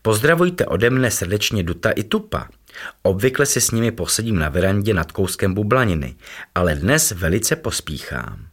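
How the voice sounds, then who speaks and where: A man voicing a polite, dignified male hedgehog postman in a children's story, with a low voice that rises and falls a lot. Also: big pitch swings. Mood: courteous. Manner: dignified, courteous.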